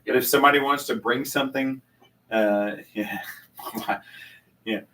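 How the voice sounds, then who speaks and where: A man's voice: mid-range voice, unhurried, sharp tone, far from the mic, low-quality recording. An older man hosting a casual live chat from his home bar, rambling with many restarts and fillers. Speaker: channel host.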